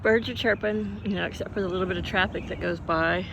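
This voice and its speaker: Older woman rambling, gravelly voice. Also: mid-range voice, fairly even intonation, fast talker. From Oklahoma. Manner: meandering, homey, with frequent hiccups and yawns. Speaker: vlogger. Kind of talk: rambling casual chat. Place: outdoors in a garden. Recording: faint outdoor noise, birds and passing traffic.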